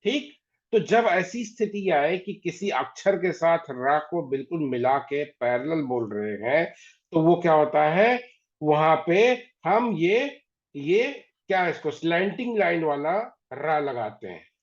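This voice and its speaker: A man teaching an online class, patiently repeating words slowly to drill pronunciation. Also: on the high side, lively intonation. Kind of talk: online class on Hindi spelling. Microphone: video call. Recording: dull lo-fi video call audio.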